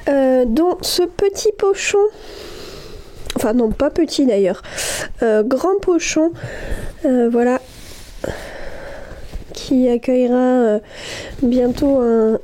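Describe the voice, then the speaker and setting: A woman's voice: high voice, takes it slowly, long pauses, warm tone. A woman vlogging from home about her knitting, chatting casually with lots of hesitations and gushing remarks. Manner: hesitant, many fillers and restarts, gushing. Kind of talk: casual chat.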